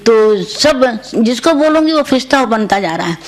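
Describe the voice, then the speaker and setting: An older woman, a senior spiritual teacher, recounting her dreams to a retreat audience in a gentle storytelling way, repeating her phrases as she goes. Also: fairly high pitch, expressive, moderate pace. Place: retreat centre.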